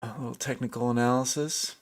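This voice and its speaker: Gravelly man thinking aloud on a stream. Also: mid-range voice, fairly even intonation, fast. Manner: thinking aloud, chatty, restarts, reads out chat names. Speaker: livestream day trader. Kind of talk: live trading stream commentary.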